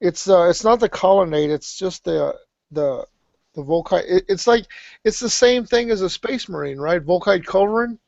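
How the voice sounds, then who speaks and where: A man's voice: sits high, normal speed, vocal fry, dry recording. A man chatting casually and bluntly about his hobby on a webcast, swearing freely. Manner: blunt, profane. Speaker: webcast panelist. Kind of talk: casual hobby chat about tabletop wargaming. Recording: dull, dry webcast audio.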